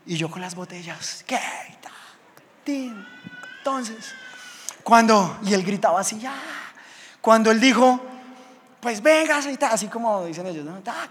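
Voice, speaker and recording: A man preaching a sermon as a pastor, telling stories in an animated way with sound effects. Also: sits high, a little hiss or hum. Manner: animated storytelling, acts out scenes with sound effects. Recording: long hall reverb.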